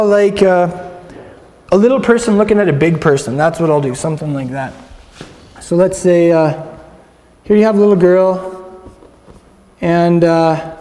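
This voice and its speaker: A man with a fairly high voice gives an informal Bible teaching, chatty and upbeat, and has the listeners repeat words after him. He is recorded in a room with a long, echoing reverb around his voice. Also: dark tone. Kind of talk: casual interactive Bible teaching.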